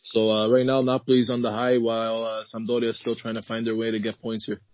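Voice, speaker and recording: A man's voice: medium pitch, completely flat delivery, quick pace, no room sound, muffled recording. A man co-hosting a casual football podcast, hesitant and full of fillers. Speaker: podcast co-host. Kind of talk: casual chat.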